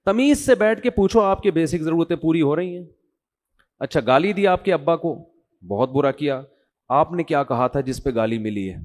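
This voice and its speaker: A man's voice: a little high, lively intonation, a little mellow. A middle-aged man, preaching in a chatty storytelling way and mimicking the people he quotes. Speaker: religious preacher. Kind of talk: sermon.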